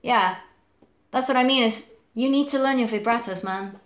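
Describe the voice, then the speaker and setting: A woman's voice: a little high, fairly quick, echoey room. A woman streamer chatting casually at home, rambling with laughs, fillers and swearing. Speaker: live streamer talking about cover singing. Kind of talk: casual chat. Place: home room with a dog.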